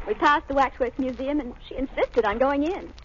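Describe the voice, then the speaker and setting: An actress playing a bright, chatty young woman in an old radio drama. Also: high-pitched, normal speed, a little hiss or hum, lightly acted. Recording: muffled old radio recording.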